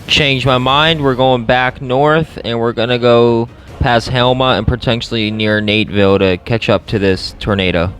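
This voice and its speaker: A man's voice: medium pitch, level tone, normal speed, few pauses, a bit bright, soft background music. A man giving casual play-by-play vlog commentary as a storm chaser, addressing his viewers directly and repeating short phrases. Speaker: storm chaser and video host.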